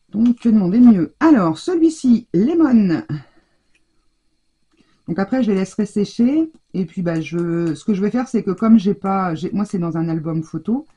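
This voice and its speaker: This is a female craft tutorial host speaking straight to viewers as she shows a technique, often restarting and trailing off mid-thought. Her mid-range voice is mellow and slightly rough.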